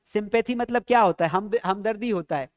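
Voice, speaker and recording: A man's voice: sits high, fairly quick. A man teaching a spoken English lesson, explaining patiently, asking the viewers questions and drilling pronunciation.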